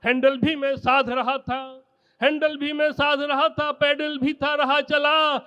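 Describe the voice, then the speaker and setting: Man reciting breathless comic verse, very high-pitched. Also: little pitch movement, unhurried, pushed and bright, big-room sound, dull audio. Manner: emphatic, theatrical, addressing the audience. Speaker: poet reciting on stage. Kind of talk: rhythmic Hindi comic poetry recitation.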